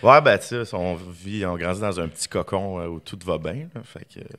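Man, Quebec French accent, deep voice, quick rambling chat, podcast guest. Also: fairly bright tone. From Quebec, Canada. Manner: rambling anecdotes full of fillers. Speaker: podcast guest, film director. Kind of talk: casual chat.

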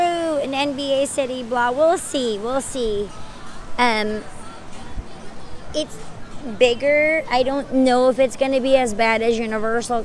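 A young woman with a slightly high voice, chatting casually to her live-stream viewers. She is worn out and losing her voice, and she rambles from one topic to the next as she thanks people by name. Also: slight background noise.

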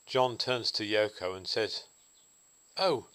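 Guy thinking out loud on his vlog, lowish voice but bright and forceful, musing. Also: a little slow. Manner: musing, thoughtful. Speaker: vlogger. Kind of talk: reflective solo monologue.

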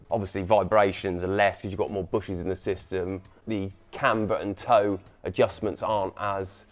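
A mechanic explaining car repairs in a matter-of-fact way, in a workshop. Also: male voice, low-pitched.

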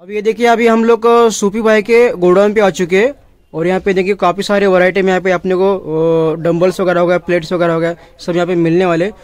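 A man's voice: high voice, level tone. A man in his thirties hosting a casual market vlog, chatty as he shows wares in a cluttered shop. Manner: chatty, quick acknowledgements. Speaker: vlogger host. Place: cluttered indoor shop and warehouse.

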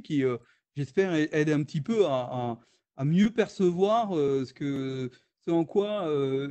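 A French economist, appearing as a guest speaker, presents in a video-call webinar with a fairly high yet dark-toned voice. His delivery is hesitant, full of fillers and restarts.

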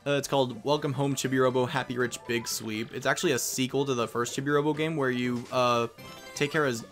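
A young man rambles casually through let's play commentary. His pitch is average for a man, and game music plays faintly behind him. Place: voice-over recorded over game audio.

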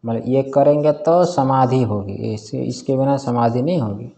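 A man's voice: medium pitch, moderate pace, creaky, mellow. A man teaching a scripture class in a casual way, often quizzing his students and chuckling. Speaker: Vedanta teacher.

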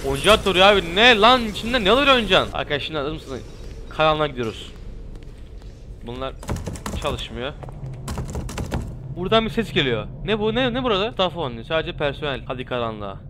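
A man hosting a let's play, excitable and yelling as he runs from danger, his throat sore from the shouting. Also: fairly high pitch, a little fast, pauses often, noisy background. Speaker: gaming channel host. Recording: game music playing loud behind.

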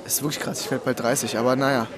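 A man's voice: medium pitch, steady tone, very fast, a crowd in the background. A man nearly thirty in a behind-the-scenes interview, earnest and rambling with dry humor. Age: young adult. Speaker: actor in an interview. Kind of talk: making-of interview.

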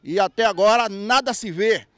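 During a street interview at an outdoor market, a local resident airs his complaint indignantly into the reporter's handheld mic, stopping and restarting hesitantly. His high voice is a bit bright and moves at normal speed, captured in dry, studio-quality audio.

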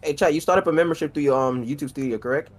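Fast-talking man addressing his stream chat. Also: a little high. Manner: talks to his chat, slangy and upbeat. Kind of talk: casual gaming voice chat.

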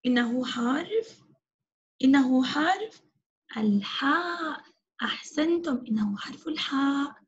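High-pitched lady teacher spelling out letters real slow for little kids, muffled lo-fi video call sound. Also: expressive. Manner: drawn-out syllable-by-syllable spelling with frequent praise. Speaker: kindergarten teacher. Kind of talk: online phonics lesson for young children. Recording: dull lo-fi video call audio.

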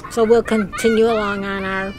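A woman's voice: medium pitch, little pitch movement, normal speed, slight background noise, rough recording. Middle-aged woman chatting on a travel vlog. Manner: agreeable, chatty, affirming. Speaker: travel vlogger. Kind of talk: casual travel vlog chat. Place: outdoors by a desert campground. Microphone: camera held at arm's length.

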